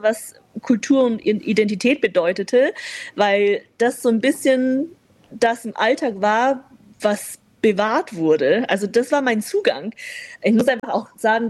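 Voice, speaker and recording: A woman's voice: medium pitch, darkish tone, dry recording. A young woman, a guest speaking openly and reflectively with many fillers. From China, raised in Vienna. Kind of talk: conversational interview.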